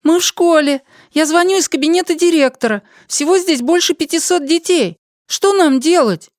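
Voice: very high-pitched, normal speed, no echo, clean studio sound, pitched above the performer's own voice. A narrator voicing an anxious schoolboy who phones for help with urgent questions. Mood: urgent, worried. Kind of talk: audiobook character voice.

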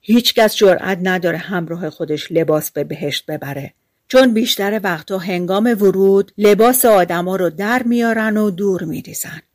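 A woman reading the lines of a crafty, smooth-talking peasant man in a storybook fairy tale, in a sly, placating way. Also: mid-range voice, no echo, studio quality, natural voice.

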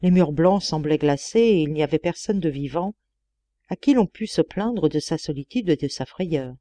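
A woman narrating a literary audiobook in a measured, expressive way. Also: low-pitched, no room sound. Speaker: audiobook reader.

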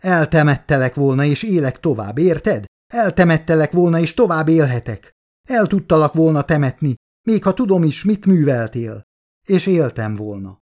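A man's voice: medium pitch, sing-song, darkish tone. A man reading an audiobook, voicing a grieving, furious middle-aged mother who lashes out in a raised, accusing voice. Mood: anguished rage.

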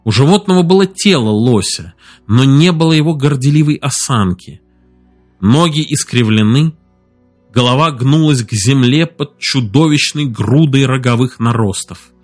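A man narrating an audiobook in a measured, steady reading voice. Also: medium pitch, soft background music. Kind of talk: scripted narration.

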